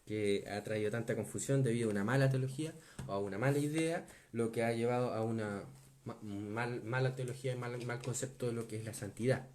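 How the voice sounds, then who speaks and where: A man preaching a Bible teaching sermon, stressing key words, slowing down on them and often asking his listeners whether they follow. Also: mid-range voice, darkish tone. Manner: asks the listeners to confirm often.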